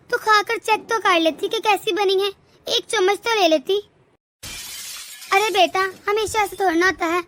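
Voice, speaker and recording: A woman's voice: extremely high pitch, a bit bright, no echo. A woman voicing a stern, lecturing middle-aged mother-in-law in a cartoon. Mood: coaxing. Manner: lecturing, scolding. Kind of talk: cartoon voice acting.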